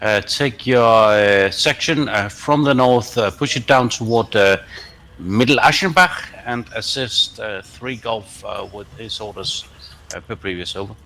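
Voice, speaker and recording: Low-voiced man giving halting radio orders. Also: bright, forceful tone, low-quality recording. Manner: deliberate, halting delivery with formal radio procedure. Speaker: commander in a team military simulation game.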